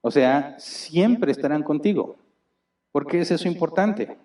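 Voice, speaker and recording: A man's voice: on the high side, lively intonation, measured pace, dark tone, far from the mic. A man, preaching a conversational sermon in a church auditorium and checking in with rhetorical questions. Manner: chatty and explanatory, tags points with rhetorical questions. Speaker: pastor.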